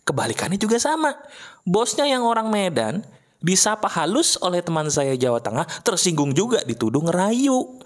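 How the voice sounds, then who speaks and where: A man's voice: high voice, normal speed. Man giving a motivational talk. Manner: direct, full of rhetorical questions; addresses listeners as friends. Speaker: motivational speaker. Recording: voice-over for an animated video.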